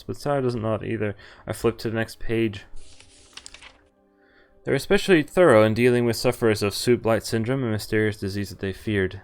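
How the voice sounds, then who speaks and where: Here a lowish, clear, resonant male voice reads a visual novel's text evenly on stream. Now and then he stops to curse and react.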